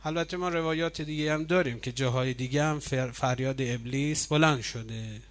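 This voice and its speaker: A man at a mosque lectern gives a sermon at an evening Quran session, with a voice of ordinary male pitch. His explanations keep climbing into raised, insistent emphasis before settling again. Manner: builds to raised, emphatic peaks while explaining traditions.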